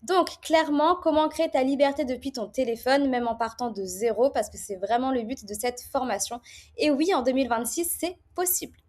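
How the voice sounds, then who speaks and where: A woman in her thirties with a fairly high voice talks straight to the viewer, presenting an online course. She is chatty and casual, with frequent fillers and restarts. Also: a little fast, a little mellow.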